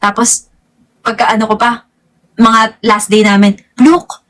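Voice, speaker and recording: A young woman vlogger telling a story in casual chat, animated and gushing, with drawn-out exclamations and giggles. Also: medium pitch.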